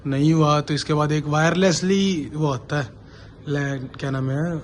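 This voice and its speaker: In a casual vlog, a man who installs CCTV explains his work informally to viewers while on location at job sites. His voice is fairly high with a certain flavour, and he speaks a little slowly. Background noise, including traffic, is clearly present.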